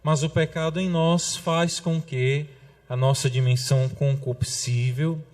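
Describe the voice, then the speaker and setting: A man with a Brazilian Portuguese accent, a priest giving a sermon, talking conversationally with the congregation and slowing down to stress key phrases. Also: fairly high pitch, steady tone. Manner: conversational preaching with frequent tag questions to the congregation; slows for emphasis on quotations, drops softly at phrase ends.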